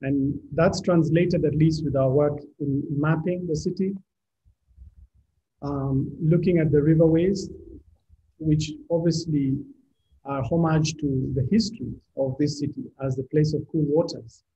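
Gravelly dark-voiced man on a video call. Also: on the high side, steady tone. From Kenya. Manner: measured, with frequent restarts. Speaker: architect. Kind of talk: presenting a design talk over slides. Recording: dull lo-fi video call audio with faint noise.

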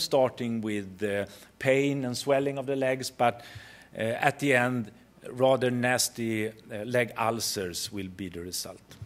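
Middle-aged Swedish-accented man presenting haltingly. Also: medium pitch. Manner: halting, hesitant delivery with frequent pauses. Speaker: company chief executive presenting. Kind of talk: conference pitch presentation. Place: conference hall stage at a podium.

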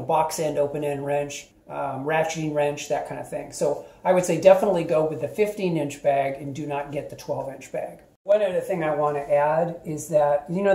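A man's voice: a little high, dark tone, roomy sound. A man casually reviewing a tool bag for his channel, chatty and rambling with lots of fillers, recorded at a table indoors. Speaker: YouTube DIY reviewer.

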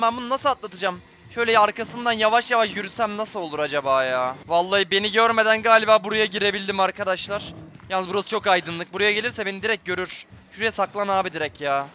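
A man's voice: high voice, pushed and bright, slight background noise. A man giving tense, jumpy live commentary on a horror game, talking straight to his viewers. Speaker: gameplay streamer.

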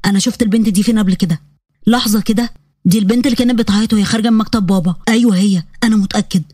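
A woman voicing a gentle young male university lecturer with an Egyptian accent, speaking calmly and politely. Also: mid-range voice, racing, husky, no echo, clean studio sound, pitched below the performer's own voice, close to an everyday voice. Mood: musing. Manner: calm, polite, lightly teasing.

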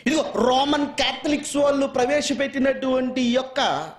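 High-voiced man preaching in an echoey room. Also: moderate pace. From India. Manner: animated, rhetorical questions to the congregation. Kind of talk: sermon.

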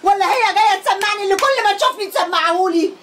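A woman's voice: very high-pitched, racing, background noise. Bitter sulky Egyptian girl. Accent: Egyptian Arabic. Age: young adult. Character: sulky bitter young Egyptian woman, envious and tearful. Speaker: resentful young daughter of the household. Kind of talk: TV drama acting. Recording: TV soundtrack with music underneath.

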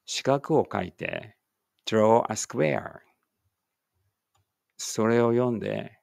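A man teaching English, slowly reading short Japanese phrases and then their English translations aloud as a drill, sometimes muttering quietly to himself. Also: mid-range voice, creaky, dry recording, clean studio sound. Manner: reads each Japanese phrase, then its English, with slow deliberate pauses.

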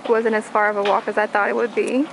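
A woman's voice: mid-range voice, flat delivery, quick pace, rough recording. A young woman talking casually to her camera as a travel vlogger, chatty and full of "like" and "um". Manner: chatty, lots of "like" and "um". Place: outdoors in gardens and in a car. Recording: camera audio with clear outdoor noise.

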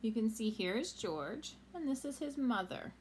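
A woman reading a picture book aloud to children, animated and asking them questions. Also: a little high, moderate pace, slight background noise. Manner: animated, asks young listeners questions. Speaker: storytime reader.

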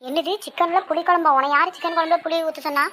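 A woman's voice: sits high, steady tone, fast talker, crowd noise, lightly acted. A woman voicing a bossy, nagging middle-aged mother-in-law who gives orders and scolds in a cartoon. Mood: scolding. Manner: scolding, commanding. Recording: noisy recording with hiss.

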